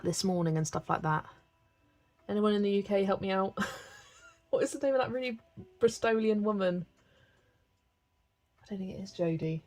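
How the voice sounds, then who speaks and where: A young English woman with a mild West Country accent hosts a live stream while colouring, chatting casually and laughing often. She has a mid-range voice with a darkish tone.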